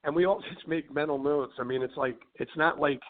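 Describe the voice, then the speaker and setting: On a tinny phone line, a man with a Philadelphia accent rambles through a casual interview as a rock band singer, stumbling over fillers and restarts and saying "you know what I mean." His voice runs on the high side and a bit fast.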